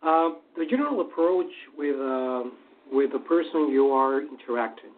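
A man's voice: medium pitch, expressive, moderate pace. A man, a former stage hypnotist turned hypnotherapist, answering interview questions with many fillers and restarts. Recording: tinny phone-like line.

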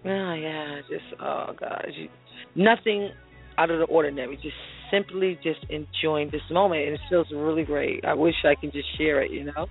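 A woman calling in to a radio show, heard over the phone, talking in a relaxed, dreamy, giggly way. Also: low voice, normal speed, creaky. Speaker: caller. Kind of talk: casual call-in chat. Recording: phone-line call with faint music.

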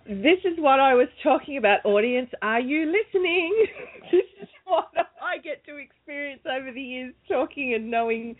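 A woman's voice: high voice, normal speed. A woman radio host interviewing a guest in an effusive, easily laughing way. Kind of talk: conversational interview. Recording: tinny phone-line sound.

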